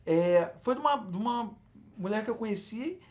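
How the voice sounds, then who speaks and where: A man's voice: high-pitched, lively intonation, moderate pace, darkish tone. A man with a Brazilian Portuguese accent, a guest in a casual podcast chat who acts out quoted lines.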